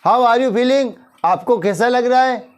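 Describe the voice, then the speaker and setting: Man teaching a class, very slow delivery, repeats each phrase, explains patiently. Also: very high-pitched, noisy background. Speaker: English teacher.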